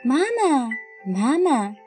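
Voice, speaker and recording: A woman voicing a group of eager little tadpoles, with high, pleading calls in a bedtime storybook. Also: sing-song, a little slow, mellow, faint music behind. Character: chorus of little tadpoles, eager young children.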